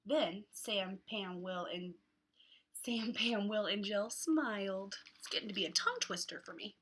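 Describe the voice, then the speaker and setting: A woman with a mid-range voice reads a picture book aloud to young children at a measured pace. Her delivery is exaggerated and animated, giving individual words dramatic emphasis, in the manner of a children's read-aloud host.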